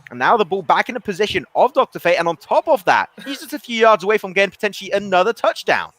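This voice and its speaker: A man doing excitable play-by-play commentary on an esports football match, often restarting his sentences. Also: high-pitched, no room sound. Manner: rapid, excitable calls with frequent restarts.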